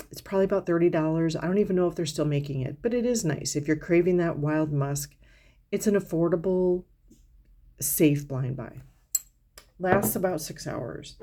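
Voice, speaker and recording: Woman vlogger, low mellow voice, chatty perfume review, lots of ums and restarts. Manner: chatty, descriptive, with frequent fillers and restarts. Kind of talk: casual product review vlog.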